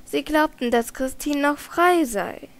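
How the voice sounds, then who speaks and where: A woman voicing a naive, devout elderly lady in an audiobook, speaking slowly and gently insistent, sometimes hushed. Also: high voice, voice pushed up. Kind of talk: audiobook character reading.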